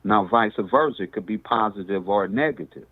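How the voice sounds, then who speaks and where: A bishop talks through a cell phone speakerphone, and his lowish voice comes across thin and tinny like a phone line. He speaks in a loose, rambling way and drifts into preacherly talk, quoting scripture as he goes. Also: moderate pace, husky. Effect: speakerphone on a cell phone call. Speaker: bishop calling in. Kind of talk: casual talk over the phone.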